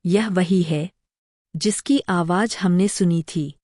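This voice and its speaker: A woman's voice: on the low side, takes it slowly, dark tone, no echo, studio quality. Woman reading a haunted young ghost boy. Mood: fearful. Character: haunted teenage boy, ghost of a dead son.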